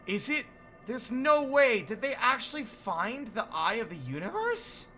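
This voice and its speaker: A man commentating his own gameplay, thinking aloud and bursting into excited exclamations. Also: extremely high pitch, slow, creaky. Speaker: streamer playing a video game. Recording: game music behind.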